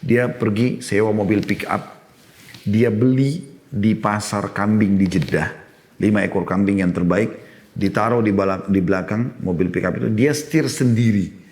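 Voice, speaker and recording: A man's voice: fairly low pitch, moderate pace, darkish tone. A middle-aged man giving a sermon as an Islamic preacher, telling stories with shifting emphasis. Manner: storytelling, varied emphasis, rising for key points.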